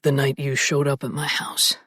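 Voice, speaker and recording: A woman narrator voicing a confident, teasing adult male lover in a low, murmuring, half-whispered voice for an audiobook. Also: monotone, normal speed, a bit bright, breathy edge, no echo, clean studio sound, heavily acted. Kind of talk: audiobook character voice.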